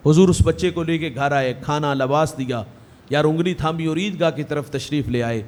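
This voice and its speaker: A male preacher with a fairly high voice delivers an emotive sermon. He speaks in rhythmic, swelling phrases and acts out the people in his stories. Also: darkish tone. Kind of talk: Urdu religious sermon with storytelling.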